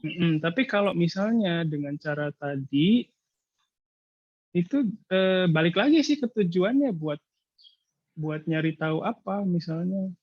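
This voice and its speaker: A male lecturer giving casual thesis advice in an online seminar, explaining patiently with many hesitant filler pauses. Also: high-pitched, animated, no room sound, muffled recording. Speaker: university lecturer.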